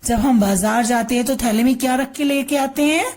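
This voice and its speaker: A woman's voice: sits high, brisk, a little mellow, soft background music. An Indian woman teacher giving a patient drawing and Hindi lesson to young children, repeating words and switching between Hindi and English.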